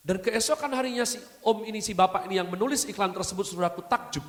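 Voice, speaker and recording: A male preacher tells stories to his congregation. His voice sits high for a man. It rings out with a long church hall reverb. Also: fast, a bit bright. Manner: storytelling, repeats "saudaraku" to address the congregation. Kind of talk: sermon.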